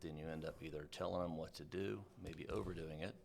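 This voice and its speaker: A man co-hosting a podcast who talks in a halting way, repeating words as he starts his sentences. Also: rumbling low, steady tone, creaky, darkish tone. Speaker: podcast co-host. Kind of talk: casual conversation.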